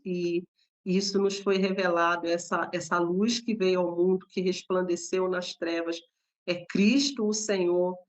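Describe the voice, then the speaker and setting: Brazilian woman teaching a gentle devotional, low even voice, conversational. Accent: Brazilian Portuguese. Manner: gentle, conversational, frequent tag questions. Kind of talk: informal Bible devotional.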